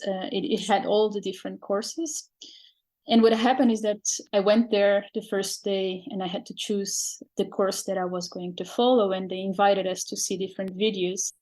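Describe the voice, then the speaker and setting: A woman's voice: mid-range voice, fairly even intonation, moderate pace, a little mellow. Hesitant Portuguese woman guest. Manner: hesitant, many fillers and restarts, laughs often. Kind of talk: interview conversation.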